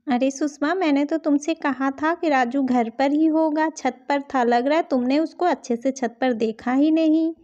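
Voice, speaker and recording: A woman voicing a calm elder sister figure in a doll story, scolding and reassuring. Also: high voice, moderate pace, hardly any pauses, highs cut off, lightly acted.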